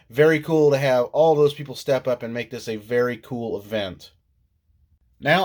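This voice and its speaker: Male vlogger with a head cold, nasal tone, mid-pitched, chatty and self-deprecating, casual recap. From Illinois. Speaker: RC monster truck vlogger. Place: indoors at home.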